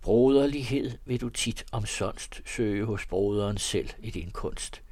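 A man reading an old novel aloud in a measured, literary way. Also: lowish voice, a little mellow, no echo. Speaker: reader of classic novels.

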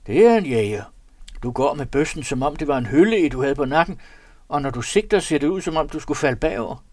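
A man voicing a commanding older country nobleman who barks orders in a loud, raised voice. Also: mid-range voice, breathy edge, no echo, lightly acted. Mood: mocking.

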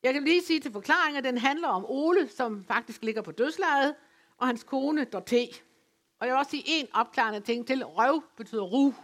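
A woman from West Funen giving an academic lecture, speaking in a measured, explanatory way with occasional hesitations. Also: high-pitched, a bit bright. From West Funen, Denmark. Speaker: lecturer on dialect literature. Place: folk high school lecture venue.

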